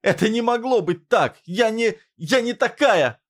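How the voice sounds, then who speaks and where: A man playing a shrill, hysterical young woman. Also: lively intonation, measured pace. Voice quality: shrill, cracking cries.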